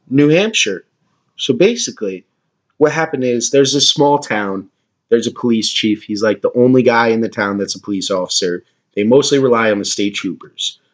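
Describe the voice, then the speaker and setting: A man ranting crudely and mockingly as a comedy podcast host, with a husky voice. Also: mid-range voice. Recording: dull lo-fi recording.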